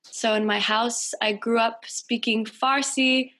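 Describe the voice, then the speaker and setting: This guest musician is a woman from the United States in her thirties, responding to interview questions through lo-fi video call audio. Slightly high and fairly bright, her voice keeps a fairly even intonation while she takes her time, thoughtful and searching.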